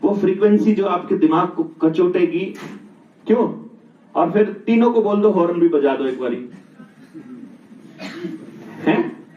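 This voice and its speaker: High-voiced middle-aged man telling stories. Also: measured pace, pauses often. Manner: storytelling, asks rhetorical questions. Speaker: speaker on natural living. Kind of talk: reflective spoken talk. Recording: roomy, distant, dull sound.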